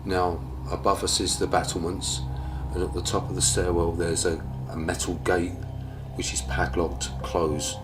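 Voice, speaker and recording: Male ghost hunter on location: deep, even delivery, calm and factual. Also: moderate pace, noisy background. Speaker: paranormal investigator. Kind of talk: on-location explanation. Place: old fort at night.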